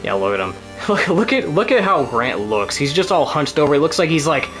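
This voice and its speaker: A man's voice: on the high side, sing-song, brisk, fairly bright tone, faint music behind. A man streaming a video game, talking casually in a rambling way, swearing now and then and laughing often. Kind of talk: casual let's-play commentary.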